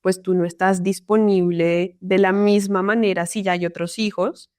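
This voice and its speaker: A Colombian woman talks as a guest in a relaxed interview, thoughtful and unhurried in her phrasing. Her voice is smooth and clear at a middle pitch, and the sound is dry and close with no room around it. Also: no echo. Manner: reflective, tags sentences with "¿no?". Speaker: psychologist guest. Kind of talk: casual interview conversation.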